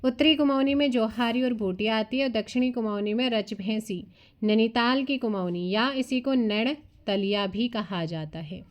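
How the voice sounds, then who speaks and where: A woman with a slightly high voice reads exam notes aloud as a coaching teacher. She works through long lists of names steadily, stopping now and then to point something out to her students. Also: moderate pace, dull audio. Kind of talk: reading out study notes for an exam.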